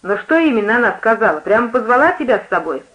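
A woman's voice: a little high, big pitch swings, quick pace, highs cut off. A woman voicing a practical grown man, a coach driver, who asks short, offhand questions.

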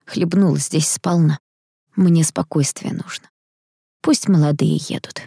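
A woman voicing an elderly grandmother who talks quietly and slowly in an audiobook. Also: low voice, steady tone, creaky, husky, dry recording, clean studio sound, full character voice. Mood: wistful. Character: grumbling elderly grandmother, weary and calm. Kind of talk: audiobook character voice.

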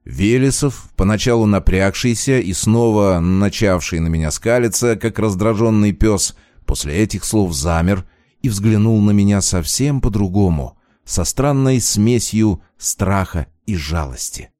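A man narrating a first-person audiobook in a measured storytelling manner. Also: on the low side, mellow, dry recording, clean studio sound.

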